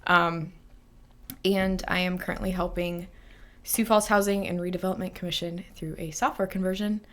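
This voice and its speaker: A woman's voice: fairly low pitch, fairly even intonation, normal speed. A woman in her twenties from the American Midwest, a guest chatting casually and a bit scattered about her life. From Midwestern United States. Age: 20s. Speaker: podcast guest. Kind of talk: casual chat.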